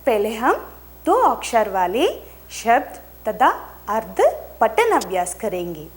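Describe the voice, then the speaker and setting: Slow, lively woman teacher. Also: mid-range voice. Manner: very slow, drawn-out syllables with repeat-after-me prompts. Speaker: primary school teacher. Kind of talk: slow drilled phonics lesson for young children.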